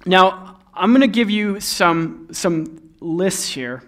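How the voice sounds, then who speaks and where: A man's voice: high-pitched, expressive, takes it slowly, fairly bright tone. A young adult man, a pastor, preaching a sermon in a conversational, storytelling way.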